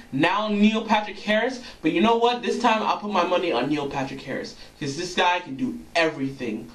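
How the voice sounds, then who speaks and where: A man's voice: high voice, fairly bright tone. Chatty young man in an echoey room. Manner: joking and opinionated. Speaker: vlog host commenting on singing auditions. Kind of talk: casual chatty commentary. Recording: echoey room, mic at a distance.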